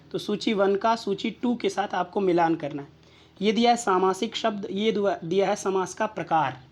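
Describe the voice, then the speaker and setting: Casting: woman teacher, methodical and patient, talks through each exam answer, mid-pitched voice. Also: darkish tone. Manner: methodical, checks in with rhetorical questions. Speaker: Sanskrit exam tutor.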